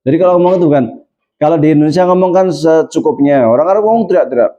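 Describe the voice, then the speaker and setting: A man's voice: on the high side, fast talker, mellow. A man teaching a moral lesson on good manners, acting out little quoted scenes as he goes. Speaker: Islamic religious teacher. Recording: dull lo-fi recording.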